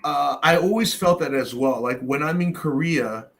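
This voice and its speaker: In a relaxed roundtable, a middle-aged man from Canada speaks bluntly and profanely, his storytelling packed with fillers. His gravelly voice is a little high and fairly bright, and he talks at a normal speed.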